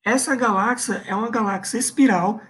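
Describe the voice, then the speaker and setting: A woman's voice: on the high side, moderate pace, fairly bright tone. Woman teaching, checking in constantly. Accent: Brazilian Portuguese. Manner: adds frequent checking tags like "tá bem?". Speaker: astronomy channel presenter. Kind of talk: explaining slides in an online lesson.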